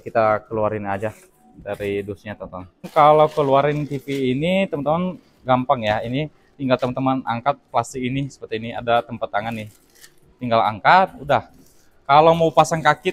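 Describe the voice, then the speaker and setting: Fairly quick and medium in pitch, this product reviewer unboxes a TV in a relaxed, chatty way. He addresses viewers as teman-teman and explains as he works with the set.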